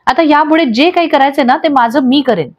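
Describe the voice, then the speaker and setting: A woman's voice: sits high, fairly quick, lo-fi sound, lightly acted. A woman voicing a distraught young wife who pleads and accuses through tears in a storybook recap. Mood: tearful, angry. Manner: pleading, accusing, breaking into sobs.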